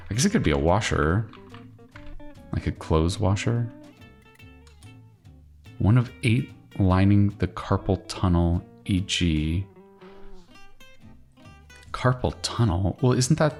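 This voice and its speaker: A man thinking out loud in casual puzzle commentary, musing and questioning himself as he works. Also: deep voice. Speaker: crossword solver hosting a solve-along video. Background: plucked guitar music.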